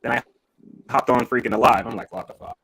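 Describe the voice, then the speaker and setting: A man's voice: medium pitch, fast talker, creaky, fairly bright tone. Man on a crackling loose-cable mic. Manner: rambling, swears often. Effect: scratchy crackle from a loose mic cable. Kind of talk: casual chat. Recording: crackly home mic over a live call.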